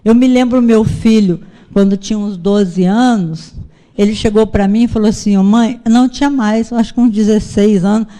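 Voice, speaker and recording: A woman's voice: mid-range voice, fairly even intonation, normal speed, dark tone. A middle-aged woman from Brazil giving an earnest spiritist lecture, addressing her audience as brothers. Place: spiritist center hall.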